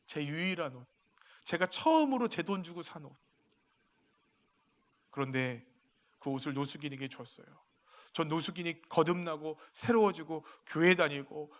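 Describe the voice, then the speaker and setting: A male pastor delivers a sermon in a church sanctuary. His voice sits high and sounds bright and forceful, and he keeps asking the congregation questions. He climbs to loud, emphatic peaks, then falls back into quiet, confiding asides.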